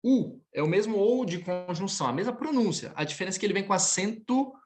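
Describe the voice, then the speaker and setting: A male French teacher leading a live online class, his voice rising and falling in a lively way. He explains patiently and repeats phrases slowly for his students. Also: sits high, soft background music.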